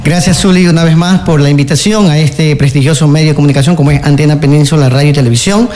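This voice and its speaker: A man's voice: a little high, fairly even intonation, quick pace, darkish tone. A man, a guest on a radio interview, speaking earnestly with many fillers and restarts. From Ecuador. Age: 40s. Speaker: interview guest, local candidate and teacher.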